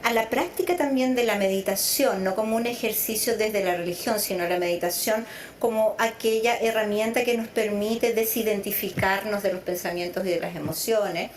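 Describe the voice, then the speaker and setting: In a conversational interview, the guest, a middle-aged Chilean psychologist raised in Venezuela, speaks thoughtfully in a mid-range voice at a moderate pace, drawing out words for emphasis. The sound is reverberant with slight background noise.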